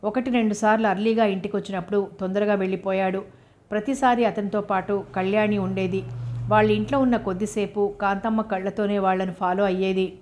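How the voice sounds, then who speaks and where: A woman narrating a serialized novel as an audiobook, in a steady, measured manner. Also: mid-range voice.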